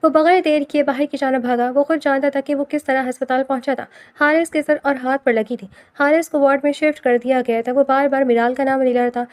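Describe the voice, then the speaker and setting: Female audiobook narrator, high bright pitch, dry close sound, emotional delivery. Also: hardly any pauses, no echo. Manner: steady emotional storytelling. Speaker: novel narrator.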